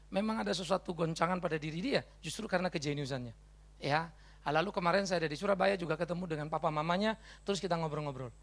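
A male pastor with a Batak accent, preaching a sermon in a lively, conversational storytelling way and acting out bits of dialogue. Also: on the high side, vocal fry. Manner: animated storytelling, conversational asides; acts out dialogue in his story.

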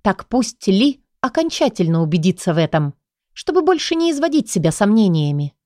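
A woman voicing a gentle, clever middle-aged mother in an audiobook, speaking softly in a slightly raised voice. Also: medium pitch, big pitch swings, moderate pace, dry recording, clean studio sound, natural voice. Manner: soft, lightly raised voice. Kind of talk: audiobook character voice.

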